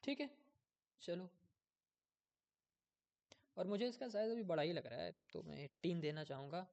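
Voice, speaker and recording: A man's voice: sits high, animated, unhurried, vocal fry, darkish tone, dull audio. Man thinking aloud through code. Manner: thinks aloud while coding, often loses his place; chatty, checks in with viewers. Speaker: coding tutor. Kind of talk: casual screen-recorded coding tutorial.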